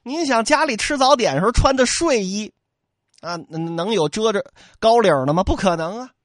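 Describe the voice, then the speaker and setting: A man's voice: high voice, expressive, moderate pace, dry recording, clean studio sound. A man telling a classic tale as comic storytelling, with chatty asides to his listeners.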